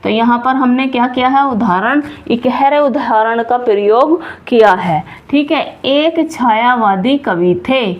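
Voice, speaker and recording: Woman teaching grammar, slightly high voice. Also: measured pace, few pauses, highs cut off. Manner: explanatory, repeats and rephrases, asks and answers own questions. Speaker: Hindi teacher. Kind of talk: classroom-style grammar lesson.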